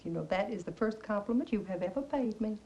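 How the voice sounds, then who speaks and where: A woman's voice: medium pitch, animated, fast talker, dark tone, muffled recording, slight background noise, natural voice. An actress playing a middle-aged faded Southern belle mother, genteel and nostalgic, chattering with a Southern accent and theatrical laughs. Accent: American Southern. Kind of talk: stage play acting.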